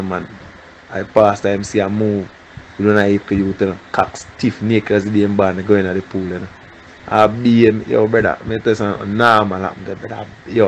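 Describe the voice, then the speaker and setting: A man's voice: flat delivery, moderate pace, a little hiss or hum, low-quality recording. A man with a Jamaican accent, heard as a recorded voice message being played back, giving an informal witness account and often calling the listener brother. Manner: low-key, repetitive, keeps addressing the listener as brother.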